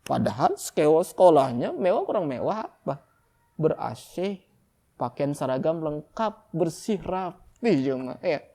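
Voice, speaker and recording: A middle-aged man preaching a sermon to a congregation, lively, often acting out people in high excited voices. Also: unhurried, gravelly.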